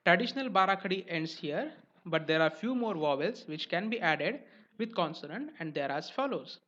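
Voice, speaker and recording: A man teaching letters as a language teacher, speaking slowly and carefully and stressing each example syllable. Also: high voice, animated, bright, forceful tone. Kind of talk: explanatory lesson narration. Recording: dull lo-fi recording.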